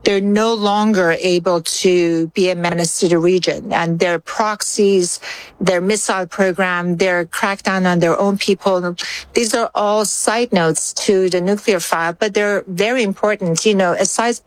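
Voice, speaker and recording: A woman from Iran speaking as a guest analyst in an interview, measured and thoughtful, with fillers and restarts. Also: mid-range voice, steady tone, no room sound, rough recording.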